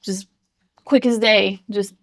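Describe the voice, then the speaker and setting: A woman's voice: medium pitch, fairly even intonation, slow pace, gravelly. A middle-aged woman, a podcast guest, recounting a story in a chatty way with many "you know"s. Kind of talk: casual storytelling.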